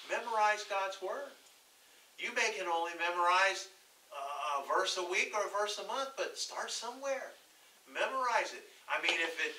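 A man with a Texan accent preaching a sermon as pastor, folksy in manner, reading scripture slowly and drawing answers from the congregation. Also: high voice, sharp tone, a little hiss or hum. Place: church sanctuary. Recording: echoey church from far off.

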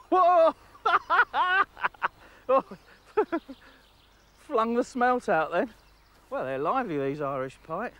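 A middle-aged man giving outdoor fishing commentary from a lakeside jetty, excitable, laughing often and talking to the fish. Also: sits high, very slow, pauses often. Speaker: angling presenter.

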